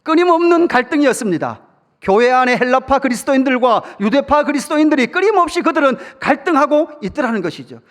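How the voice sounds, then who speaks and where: A male pastor preaches in a fairly high voice, drawing the congregation in with questions and humorous stories. His voice rings through a church sanctuary with a long reverb tail. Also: expressive, fast talker, a bit bright. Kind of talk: sermon.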